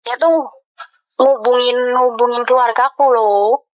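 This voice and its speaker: A woman's voice: fairly high pitch, fairly even intonation, unhurried, no room sound. Upset woman calling in, rambling story, sounds kinda muffled lo-fi. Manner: emotional, rambling retelling with many fillers. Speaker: caller. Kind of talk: phone-in advice chat. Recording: dull lo-fi phone audio.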